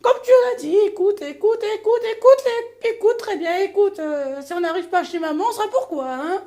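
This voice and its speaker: A man's voice: very high voice, moderate pace, dark tone, voice pushed up. A man putting on the voice of a whiny young woman who nags her boyfriend, in a comedy sketch. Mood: nagging.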